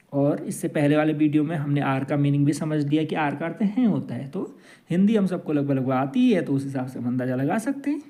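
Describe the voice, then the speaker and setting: A man's voice: on the high side, warm tone. A man teaching an English grammar lesson, drawing out each example sentence. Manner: slow, drawn-out example sentences.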